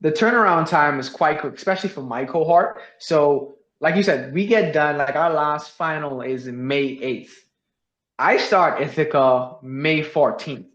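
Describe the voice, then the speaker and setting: Young man from the Bahamas, earnest vet student guest, fairly high voice, roomy dull lo-fi sound; casual interview. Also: measured pace, fairly bright tone. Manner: earnest, uses many fillers like "like".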